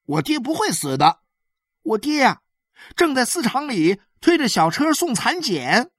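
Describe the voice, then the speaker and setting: Lady doing a stubborn kid, high and defiant, dry close sound. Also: big pitch swings, unhurried, no echo. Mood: stubborn protest. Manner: insistent, protesting. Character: stubborn defiant young boy.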